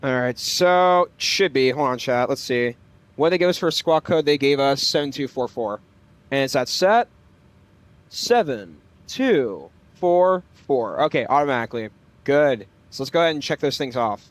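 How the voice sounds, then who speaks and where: A man's voice: mid-range voice, lively intonation, normal speed, no echo. A man livestreaming a flight simulator, talking casually and hesitantly as he thinks aloud. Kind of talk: casual livestream commentary with pilot radio calls.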